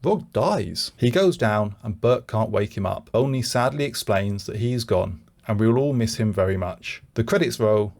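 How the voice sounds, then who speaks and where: Gravelly man in his forties reviewing. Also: fairly low pitch, animated, normal speed, few pauses, darkish tone. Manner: dry, wry running jokes. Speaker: YouTube reviewer. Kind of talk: scripted retrospective review narration.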